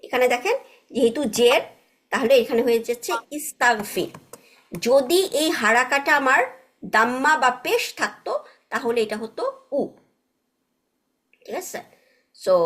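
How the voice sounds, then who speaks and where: A woman teaching a grammar class at a slightly higher pitch. She explains step by step and checks in with the class after each point, mixing English terms into her talk. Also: a bit bright. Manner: patient, checks understanding with frequent tag questions; mixes English words into explanations.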